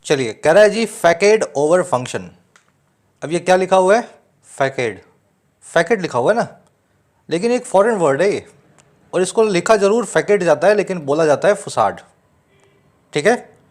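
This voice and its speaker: A man's voice: high-pitched, lively intonation. A man with an Indian accent teaching English newspaper vocabulary, explaining terms step by step and checking that students follow. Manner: reads quoted English slowly. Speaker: English tutor. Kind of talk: Hinglish newspaper lesson.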